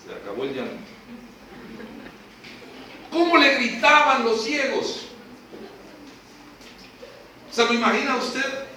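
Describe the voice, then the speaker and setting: A man preaching a sermon, emphatic, swinging from hushed to shouting and asking rhetorical questions. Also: extremely high pitch, wildly swooping pitch, takes it slowly, pauses often, a little hiss or hum. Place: church hall. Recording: echoey hall, mic at a distance.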